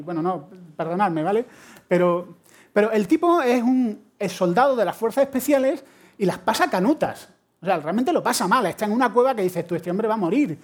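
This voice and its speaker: A middle-aged preacher with an accent from Spain delivers a sermon. He tells stories with humor and energy, shifting easily between jokes and earnest exhortation. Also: high-pitched. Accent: Spain Spanish. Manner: animated storytelling with humor.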